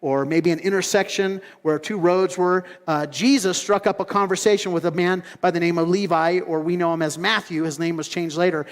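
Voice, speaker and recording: A man preaching a sermon as pastor, telling stories in an animated way and acting out other people's voices. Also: sits high, brisk, few pauses, big-room sound. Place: church sanctuary.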